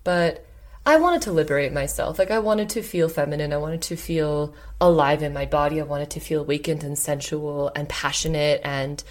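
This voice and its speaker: A woman's voice: low voice, normal speed. A woman hosting a podcast, talking reflectively and openly with lots of casual fillers. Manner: thoughtful, many "like" and "you know" fillers. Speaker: podcast host.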